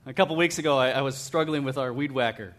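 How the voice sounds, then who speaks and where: A man's voice: medium pitch, quick pace, a bit bright. A middle-aged male pastor preaching a sermon in a conversational way, often repeating and restarting his words.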